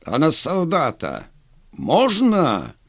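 A man voicing a stern, contemptuous army general who speaks gruffly, in a commanding way. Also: mid-range voice, sing-song, measured pace, no room sound, clean studio sound. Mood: stern scorn.

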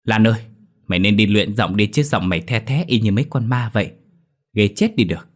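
A man's voice: fairly low pitch, lively intonation, a little fast. A man voicing a cheeky young man who whines and yelps in fright, in a told ghost story. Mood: shrill. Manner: whiny, shouts in fright.

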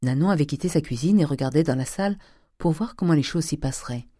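A man narrating a classic novel as an audiobook in a measured, even way. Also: on the high side, no room sound, studio quality. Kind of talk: scripted narration.

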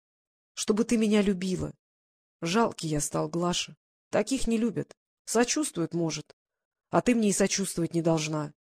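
A reader voicing a weary, broken-hearted man back from prison, talking in a halting, low, self-pitying way in an audiobook. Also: gravelly, darkish tone, no room sound.

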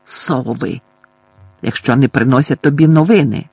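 A thin, shrill aunt played by a male audiobook narrator who scolds in a high, accusing voice. The tone is husky underneath, with a dry, close sound. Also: expressive, normal speed, a little mellow, no echo. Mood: angry. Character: shrill, scornful thin middle-aged aunt.

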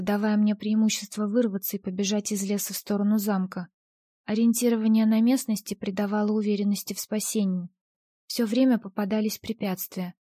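A woman's voice: medium pitch, warm tone, no echo, clean studio sound. A woman narrating a first-person audiobook story in a tense, dramatic way.

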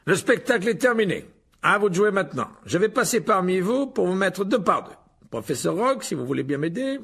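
A man voicing a vain, pompous adult wizard teacher who boasts in a high, theatrical, booming voice. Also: big pitch swings, fairly quick, gravelly, a bit bright, slightly rough, full character voice. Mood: flustered boastful.

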